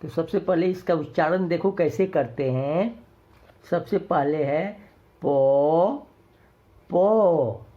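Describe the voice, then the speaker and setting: A man teaching a recorded primary school lesson, deliberately saying each letter twice so young pupils can copy it. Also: on the high side. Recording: dull lo-fi recording.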